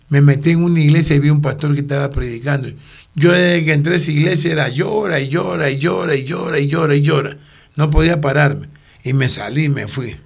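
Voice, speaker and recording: A man's voice: medium pitch, gravelly, breathy edge. An older man, telling his life story in an interview, rambling and restarting his sentences. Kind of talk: personal testimony in an interview.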